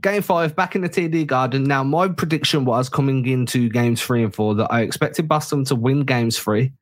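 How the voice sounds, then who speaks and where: A man co-hosting a basketball podcast, breaking down the game with quick joking asides. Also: medium pitch, no echo. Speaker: podcast co-host. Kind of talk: casual sports chat.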